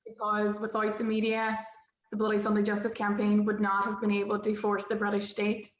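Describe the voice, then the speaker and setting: A woman speaks in a Derry, Northern Irish accent with little movement in pitch. She sounds reflective and conversational. The recording is roomy and somewhat dull, with faint noise. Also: monotone, fairly quick. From Derry, Northern Ireland. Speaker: political correspondent. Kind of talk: personal account on a panel.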